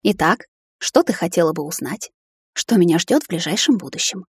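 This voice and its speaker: A woman's voice: fairly low pitch, animated, normal speed, breathy edge, no echo, clean studio sound, exaggerated voice. A woman voicing a kind, protective middle-aged mother-in-law who reads tarot cards. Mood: gentle.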